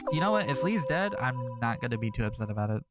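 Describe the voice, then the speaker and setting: A man's voice: mid-range voice, very animated, fast talker, over music, rough recording. A man streaming a narrative game, reading its text aloud and breaking off for sarcastic, profane asides.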